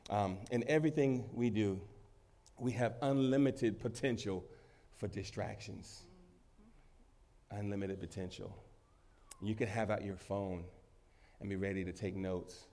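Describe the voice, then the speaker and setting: A man preaching a sermon to his congregation as pastor while he has a cold. He swings between loud emphasis and quiet asides and laughs easily. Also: lowish voice, fairly even intonation, measured pace. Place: church in front of a congregation.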